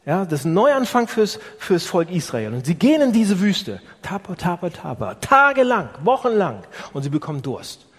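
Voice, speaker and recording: A man preaching an animated sermon to his congregation, firing off rhetorical questions. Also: sits high, moderate pace, few pauses, husky. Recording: long reverb of a large hall.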